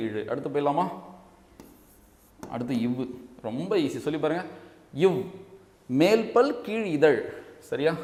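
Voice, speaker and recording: A man's voice: a little high, darkish tone, slight background noise. Male Tamil teacher in an echoey room. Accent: Tamil Nadu Tamil. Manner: explains step by step, often checks with "சரியா?"; sounds out letters slowly for students to copy. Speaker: exam-prep Tamil teacher. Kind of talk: classroom-style lesson. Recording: echoey room with long reverb.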